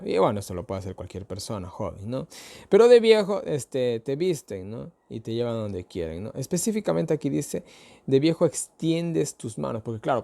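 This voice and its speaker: A man from Ecuador leads an informal Bible lesson in a warm, mellow voice, neither high nor low. He explains things conversationally and keeps checking in with tag questions. His sentences stall on fillers and restart often. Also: creaky. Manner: conversational and explanatory, addressing listeners directly. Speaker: Bible teacher. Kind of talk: casual Bible study talk.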